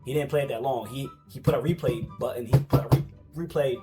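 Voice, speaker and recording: A young American man giving casual, slangy reaction commentary in an animated, argumentative, repetitive way. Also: mid-range voice, brisk, soft background music. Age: young adult. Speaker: commentator reacting to social media posts.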